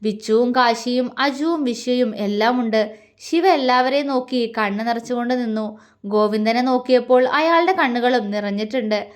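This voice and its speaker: A woman narrates a romance story in a soft, even storytelling manner. Her voice is high-pitched. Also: moderate pace.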